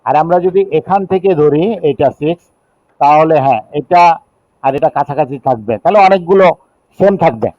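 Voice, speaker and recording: Speaking in a slightly high voice with a Bangladeshi accent, a middle-aged male teacher explains chemistry step by step in a classroom lecture. He reads rules slowly in English, explains in Bengali, counts aloud, and checks in with students, all on a dry, dull, lo-fi recording with no echo.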